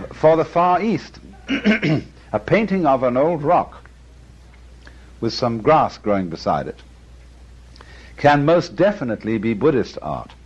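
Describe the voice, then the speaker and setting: A man lectures in a husky voice whose pitch rises and falls freely. He muses aloud, chuckles often and wanders into asides. The recording sounds dull and lo-fi. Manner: musing, chuckling, with frequent asides. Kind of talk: lecture on art and philosophy.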